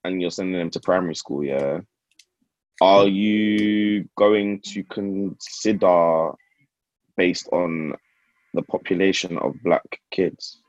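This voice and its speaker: Deep-voiced London roadman telling stories. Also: takes it slowly, dry recording, dull audio. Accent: London roadman (multicultural London English). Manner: animated slangy storytelling, repeats phrases. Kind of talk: casual group chat, storytelling in street slang.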